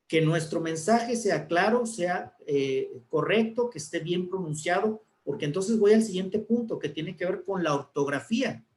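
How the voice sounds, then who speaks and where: A man, an announcer, explaining speaking techniques in a relaxed talk and demonstrating intonations. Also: a little high, roomy sound. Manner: didactic, demonstrates intonations with examples. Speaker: guest speaker, announcer and communicator.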